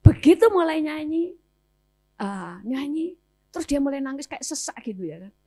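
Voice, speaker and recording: A woman's voice: high-pitched, moderate pace, dry recording. A woman pastor with an Indonesian accent giving a conference sermon, telling stories and acting out the dialogue. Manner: animated storytelling, acting out dialogue.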